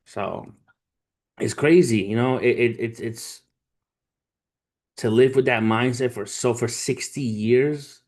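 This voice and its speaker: This livestream host, a trader in his thirties, speaks slowly in a mid-range, slightly mellow voice and pauses often. He chats informally with street slang and swearing, calling his viewers family while sharing stories and motivational talk.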